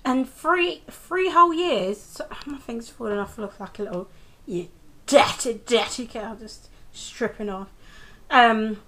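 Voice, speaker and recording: Here a young British woman talks through a TV episode in a loose, wandering review, camera held up close in her hand. Her pitch sits fairly high, her delivery is unhurried, and the tone comes across pushed and bright, with frequent ums and restarts.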